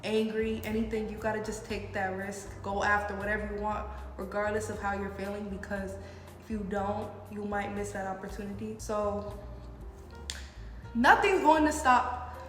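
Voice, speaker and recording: A woman's voice: medium pitch, fairly even intonation, normal speed. A young woman from the United States with a cold and a stuffy, blocked nose, chatting casually and informally as she answers questions for a vlog. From United States, partly New York City. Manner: informal, frequent "like". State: sick with a head cold. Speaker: video blogger. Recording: echoey reverberant room with music.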